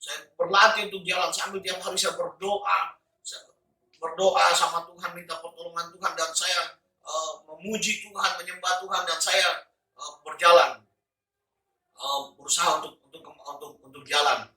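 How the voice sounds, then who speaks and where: A man's voice: high-pitched, fairly even intonation, moderate pace, bright, forceful tone. A man sharing a personal religious testimony, in an earnest manner with fillers and restarts. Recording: echoey room, distant mic.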